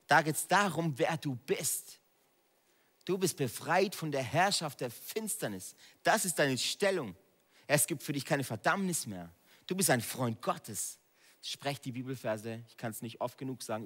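Fiery male preacher, echoing hall. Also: mid-range voice. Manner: emphatic, repetitive proclaiming of Bible verses; swings between loud exhortation and quiet intimate asides. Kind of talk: sermon.

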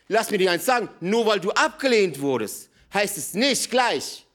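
Preaching energetically to a large church hall, the male pastor shifts back and forth between booming, emphatic moments and quiet, low-voiced asides.

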